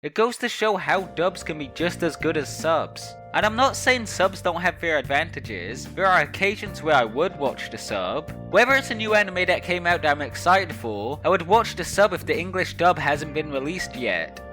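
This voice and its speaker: A man's voice: a little high, expressive, normal speed, few pauses, bright, forceful tone. A man narrating a scripted opinion piece as a video essayist. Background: music.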